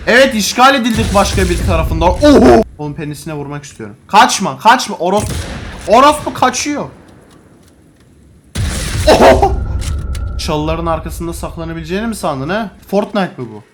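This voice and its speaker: A young man giving casual, foul-mouthed gaming commentary to a friend, excitable and full of exclamations. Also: sits high, normal speed, very noisy. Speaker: gamer recording a co-op video.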